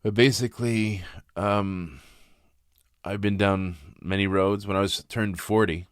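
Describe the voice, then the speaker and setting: Low-voiced hesitant man in his fifties. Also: steady tone, clear, resonant tone, no echo, studio quality. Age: 50s. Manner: halting, reflective, frequent restarts. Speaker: vlogger. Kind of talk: candid personal vlog.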